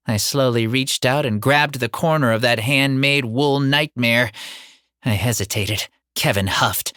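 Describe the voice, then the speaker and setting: A woman narrating a first-person horror comedy audiobook in an expressive, dramatic way with comic timing, on a close studio mic. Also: rumbling low, measured pace, no room sound.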